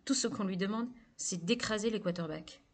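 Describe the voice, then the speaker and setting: A blunt, offhand teenage jock, as a woman narrator reads him. He talks in a plain, casual way, the voice close to the reader's own middle pitch. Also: normal speed, natural voice. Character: teenage boy football player, blunt and jokey.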